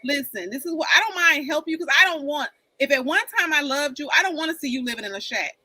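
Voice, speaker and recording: A woman's voice: high voice, expressive, fast, bright, forceful tone, dry recording, rough recording. A woman in her forties talking candidly in a casual group chat, rambling and often repeating herself. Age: 40s. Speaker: panel guest.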